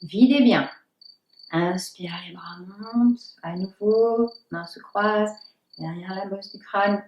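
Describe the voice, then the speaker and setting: A woman guiding a yoga class, calmly cueing breath and movement and sometimes sinking to a near whisper. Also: medium pitch, takes it slowly, far from the mic, dull audio, slight background noise. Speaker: yoga teacher. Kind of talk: guided yoga instruction. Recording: roomy echo, voice from off-mic.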